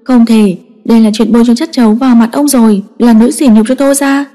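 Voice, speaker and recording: A woman narrating a dramatic story in a steady, emotive reading. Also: fairly high pitch, fast talker, faint music behind. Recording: long echoing reverb.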